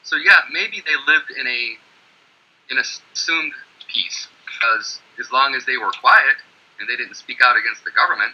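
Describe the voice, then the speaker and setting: A man's voice: mid-range voice, expressive, moderate pace, sharp tone, husky, lo-fi sound. A man speaking emphatically in an online panel discussion, brushing off opposing claims.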